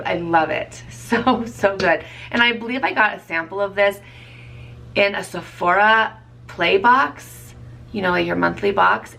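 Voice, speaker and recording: A woman's voice: medium pitch, vocal fry, sharp tone, recorded from a distance, slight background noise. A woman in her thirties chatting casually as a beauty vlogger, rambling and correcting herself with small laughs. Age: 30s. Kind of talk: casual product review chat.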